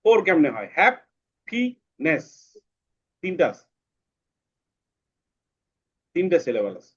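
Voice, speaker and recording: A male English teacher giving a class to children, patiently repeating words slowly and breaking them into syllables. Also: fairly high pitch, very animated, a little mellow, slightly rough. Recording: dull lo-fi sound.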